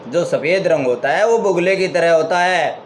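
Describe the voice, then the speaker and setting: A man's voice: a little high, moderate pace, slight background noise, close to an everyday voice. A man voicing a host in a parable who keeps urging his blind guest to try the dish. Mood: coaxing. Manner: coaxing, urging. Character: patient host coaxing a guest to eat. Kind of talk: storytelling parable.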